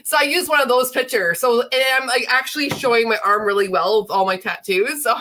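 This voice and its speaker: With a fairly high, pushed, bright voice and fairly even intonation, a woman in her late thirties hosts a casual livestream chat at a slightly fast clip, over slight background noise. She sounds stuffy and congested from a lingering illness and rambles chattily, using many fillers.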